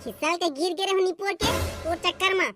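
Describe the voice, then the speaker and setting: A voice actor playing an exasperated young grandson with a Chhattisgarhi accent, who shouts and scolds. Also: very high voice, fairly quick. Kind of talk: cartoon comedy voice acting. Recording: loud background music.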